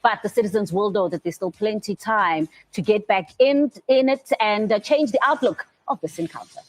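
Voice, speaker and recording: A woman's voice: medium pitch, normal speed. A woman presenting live football coverage from a studio as host.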